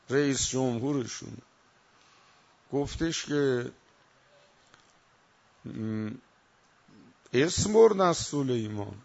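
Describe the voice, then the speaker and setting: A man giving a religious sermon, moving between quiet asides and loud, emphatic recitation. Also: medium pitch. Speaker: preacher. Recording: dull lo-fi recording.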